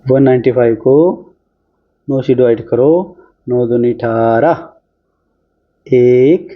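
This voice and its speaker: A man's voice: medium pitch, fairly even intonation, muffled recording. A man teaching an exam-prep math lesson, talking chattily while he works through problems on screen. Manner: brisk, chatty, talks while solving on screen.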